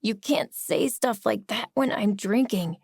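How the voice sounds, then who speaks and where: A woman's voice: medium pitch, measured pace, vocal fry, husky, no echo, clean studio sound. A woman voicing a sarcastic, teasing male best friend who works as a private eye, in an audiobook. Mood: wry. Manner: sarcastic, teasing, then gentle. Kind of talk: audiobook character voice.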